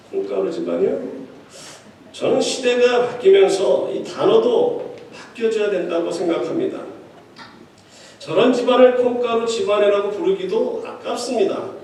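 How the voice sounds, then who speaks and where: A man's voice: high-pitched, a little mellow, a little hiss or hum. A man preaching a sermon as pastor in a church, talking to the congregation in a chatty, joking way. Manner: conversational preaching with quips to the congregation. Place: church sanctuary. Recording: echoey hall, distant mic.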